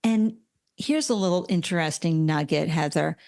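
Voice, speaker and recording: A woman's voice: low voice, normal speed, gravelly, a little mellow. A woman in her sixties, a podcast guest telling stories animatedly and acting out quoted voices. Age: 60s. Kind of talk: conversational interview.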